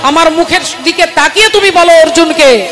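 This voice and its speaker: A woman's voice: very high voice, a little fast. A woman voicing a young warrior prince who earnestly presses his mother for the truth, insisting again and again. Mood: pleading. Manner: insistent, repeating demands. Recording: live performance with loud music behind.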